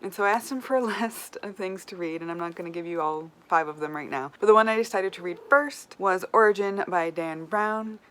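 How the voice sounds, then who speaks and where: Playing a reading-list game, a female book vlogger talks informally to camera and thinks out loud. She speaks fairly quickly with hardly any pauses, in a medium-pitched, fairly bright voice.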